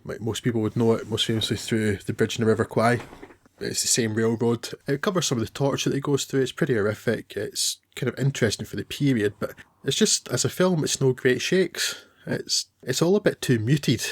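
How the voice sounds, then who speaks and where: A man's voice: medium pitch, brisk. A man co-hosting a film podcast, giving loose, rambling opinions with hesitations and some laughs at himself. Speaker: podcast co-host. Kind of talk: casual film review chat.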